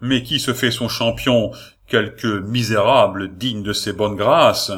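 A man reading aloud voices a cold, domineering nobleman who speaks in a booming, contemptuous tone. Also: measured pace, fairly bright tone, husky. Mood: furious scornful.

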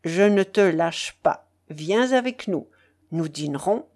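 A woman reading the part of a hot-tempered young man who greets an old friend with gushing warmth. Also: fairly low pitch, lively intonation. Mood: effusive urgent. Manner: quick-tempered, then warmly effusive.

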